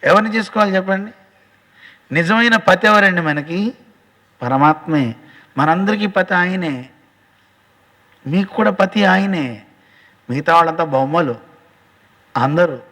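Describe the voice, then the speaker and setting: A man giving a devotional storytelling sermon as a religious teacher, animated, acting out dialogue and addressing listeners directly. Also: sits high, measured pace, pauses often. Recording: long hall reverb.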